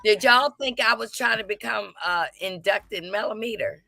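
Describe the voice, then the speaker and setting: A woman's voice: mid-range voice, normal speed, gravelly, soft background music. A middle-aged woman, joking and telling stories in a casual panel chat. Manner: sassy, joking, animated storytelling. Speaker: commentator.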